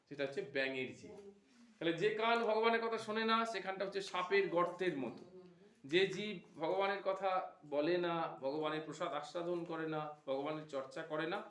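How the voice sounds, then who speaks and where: A man's voice: high voice, a bit bright, echoey room. A man giving a devotional discourse, asking his listeners questions and answering them himself. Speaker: Bhagavata reciter.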